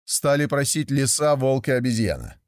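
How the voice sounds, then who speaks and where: A man narrating a fairy tale aloud in a steady, measured storytelling voice. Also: mid-range voice, dry recording, studio quality.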